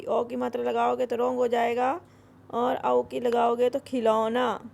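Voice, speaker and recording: On the high side and gravelly with a darkish tone, a woman's voice guides listeners through a school Hindi grammar worksheet. Each word is repeated slowly and then drilled into its correct form, with English words woven in.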